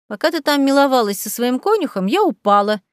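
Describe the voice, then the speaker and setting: A woman's voice: high-pitched, big pitch swings, fairly quick, smooth, dry recording, studio quality. A woman voicing a bold, mocking young noblewoman in a storybook reading, teasing and self-assured.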